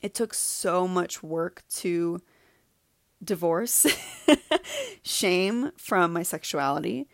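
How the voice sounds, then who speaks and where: Her lowish, gravelly voice comes through with studio quality and no room sound. She's a podcast host in her thirties, reflecting on her own life candidly and confessionally, often laughing and repeating things.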